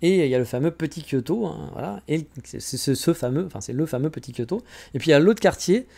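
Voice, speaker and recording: A man's voice: fairly high pitch, lively intonation, fast, gravelly, mellow. A man hosting a podcast, chatting casually and rambling about travel, poking fun at himself. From France. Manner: chatty, rambling, self-mocking. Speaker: podcast host.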